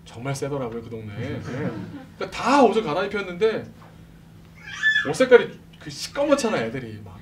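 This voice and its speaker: Guy telling a funny church story, kinda high voice, far from the mic, noisy room. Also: fairly quick. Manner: animated, acts out quoted voices, laughs often. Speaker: speaker at a church service. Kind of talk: storytelling testimony to a congregation. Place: church sanctuary. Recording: distant mic with background noise.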